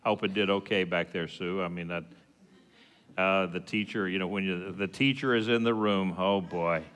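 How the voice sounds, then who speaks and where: A man with a West Texas accent and twang gives an informal teaching sermon in a folksy, halting, plain-spoken way. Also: low-pitched, steady tone, a bit bright, clear, resonant tone. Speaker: congregation teacher giving the sermon. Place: reverberant hall at a worship service. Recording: long reverberation of a hall.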